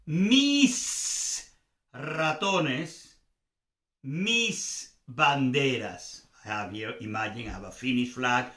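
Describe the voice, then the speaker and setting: A Venezuelan man, a native Spanish speaker with a Venezuelan accent, teaches and hosts an informal grammar lesson, repeating examples and asking questions to check understanding. His medium-pitched voice is animated and sharp yet extremely slow, and the recording is reverberant.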